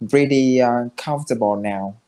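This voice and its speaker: A young man from Vietnam speaking English with a Vietnamese accent, halting with many fillers and restarts as he vlogs his study progress. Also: mid-range voice, warm tone. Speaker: English learner vlogging daily progress. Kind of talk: casual self-recorded vlog and video call lesson.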